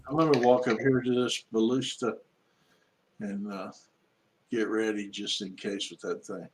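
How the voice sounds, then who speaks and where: A man at a tabletop game says what his character does in a casual, plain voice. He pauses with a few fillers along the way. Faint hiss and clicks sit behind him. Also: lowish voice, fairly even intonation, poor audio. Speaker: player.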